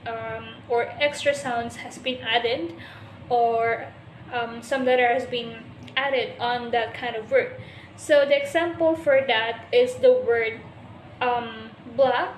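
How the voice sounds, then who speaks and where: A high-voiced woman gives a class presentation as a student presenter. She explains step by step, pausing often and restarting her sentences. The recording has a roomy echo. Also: slight background noise. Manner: explanatory, with many hesitations and restarts.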